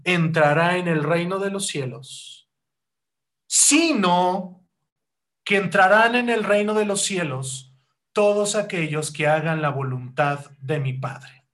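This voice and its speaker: A man preaching a sermon, asking rhetorical questions and addressing the congregation as brothers, with loud rising bursts and slow deliberate stretches. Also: high-pitched, animated. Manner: rhetorical questions, keeps calling hearers "hermanos". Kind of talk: sermon teaching.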